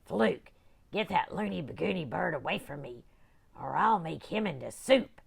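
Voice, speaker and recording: A woman's voice: on the low side, animated, moderate pace, creaky, breathy edge, heavily acted. A woman voicing a bossy, blustering male pirate captain who growls and bluffs his way through. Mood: gruff.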